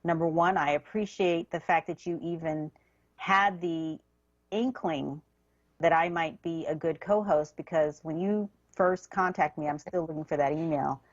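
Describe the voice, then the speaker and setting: A woman's voice: sits low, measured pace, no echo, muffled recording. A woman in her fifties, raised in New York, co-hosting a radio talk show in a wry, chatty way. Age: 50s. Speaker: radio co-host. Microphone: studio microphone.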